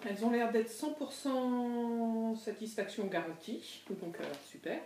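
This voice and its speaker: A woman's voice: mid-range voice, dark tone. Woman rambling thru a dog box unboxing, lots of ums, kinda far from the mic, room echo. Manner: hesitant, many fillers and self-corrections. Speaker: pet product reviewer. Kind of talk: casual unboxing chat. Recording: echoey room, voice from a distance.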